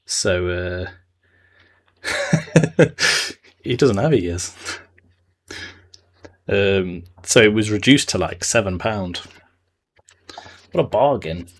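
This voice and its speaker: A man's voice: deep voice, slow pace, long pauses. A man chatting casually and jokingly while streaming a zoo-building game. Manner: playful, joking asides to chat.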